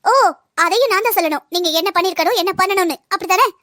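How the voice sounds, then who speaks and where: A young cartoon wife, voiced by a woman, proud and hurt, pressing her husband with pointed questions. The voice is very high and fast, dry and close. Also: pushed and bright, no echo. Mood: reproachful. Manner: pointed, reproachful. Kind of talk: cartoon voice acting.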